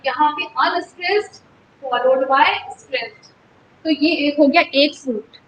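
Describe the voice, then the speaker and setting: A woman teacher giving a lesson on English pronunciation, slowly spelling out syllables and stressing words. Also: high-pitched, fairly bright tone, a little hiss or hum, poor audio.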